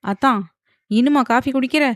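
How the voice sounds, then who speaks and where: Narrator doing a sarcastic, playful young wife, lively lines, dry close sound. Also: female voice, sits high, normal speed, no room sound, voice pushed up, lightly acted. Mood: sassy. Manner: cheeky, sarcastic.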